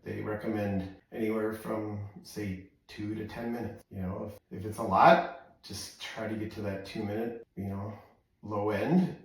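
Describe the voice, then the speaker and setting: American guy vlogging from an ice cold tub, lowish voice, rambling advice, really echoey. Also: fairly even intonation. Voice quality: frequent "you know" filler, halting phrasing. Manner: talking while sitting in ice cold water. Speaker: vlogger doing a cold plunge challenge. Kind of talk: casual vlog chat, rambling advice. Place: outdoor deck, in a cold plunge tub. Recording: very echoey, voice distant from mic.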